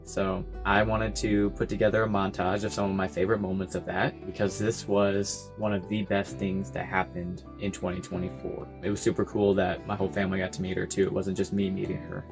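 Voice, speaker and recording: A man's voice: deep voice, little pitch movement, a little fast, gravelly, hardly any pauses, music in the background. A young man casually recapping his year on camera, rambling with goofy, self-mocking asides. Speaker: vlogger. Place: his bedroom.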